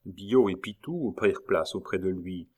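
A man narrates a historical novel in a measured, dramatic reading. His voice sits on the low side and he paces the sentences with care. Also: a little mellow, breathy edge. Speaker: audiobook narrator. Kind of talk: scripted narration.

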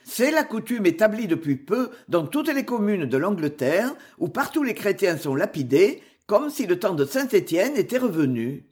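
A narrator reading a classic novel aloud in measured, expressive scripted narration. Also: mid-range voice. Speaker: audiobook narrator.

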